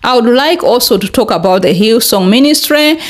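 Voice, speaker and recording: A young woman from Malawi talking earnestly to camera in a small bright room, with many fillers, her pitch rising when she presses a point. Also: lively intonation, brisk. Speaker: vlogger. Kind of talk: casual commentary to camera. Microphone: desk podcast mic in front.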